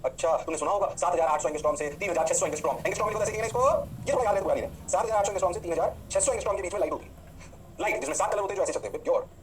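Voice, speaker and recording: A man lectures on physics in a high voice, talking at a breakneck pace. He keeps asking questions and answering them himself in a student's voice. Now and then he stretches out playful exclamations. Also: slight background noise. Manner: rapid, answers his own questions in a student's voice; drawn-out exclamations. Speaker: physics teacher. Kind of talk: fast classroom lecture.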